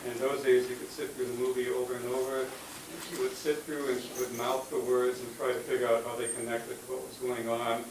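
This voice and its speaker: A man's voice: mid-range voice, level tone, a little fast. A man on a career panel telling a family anecdote with wry, dry humor. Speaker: career panelist, music critic. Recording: distant mic, very roomy echo, clear background noise.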